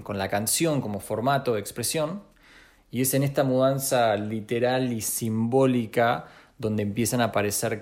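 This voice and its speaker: A young man, a guest musician speaking in a thoughtful, measured first-person monologue with small restarts. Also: mid-range voice. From Argentina. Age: young adult.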